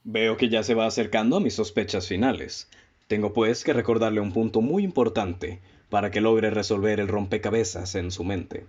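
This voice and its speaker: Voicing a calm, systematic detective in a radio drama, an actor delivers his deductions like a measured lecture, punctuated by pointed questions. His natural voice sits on the low side, with the highs cut off, and the mood is probing.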